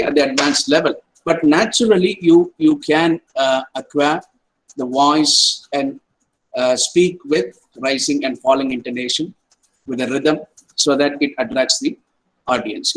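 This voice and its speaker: A middle-aged academic counsellor gives an online lecture, repeating his points and tagging sentences with "right?" and "okay". His voice is medium-pitched with a fairly bright tone, and the recording is rough.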